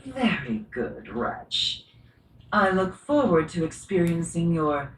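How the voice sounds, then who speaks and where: A cold domineering mistress. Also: female voice, fairly low pitch, sing-song, reverberant, rough recording. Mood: scornful. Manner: slow, disdainful. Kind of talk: video game voice acting.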